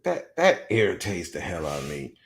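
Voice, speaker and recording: A deep-voiced man in his forties hosts a podcast at a moderate pace, his words edged with vocal fry. He delivers blunt, animated, opinionated commentary and turns mocking whenever he quotes other people.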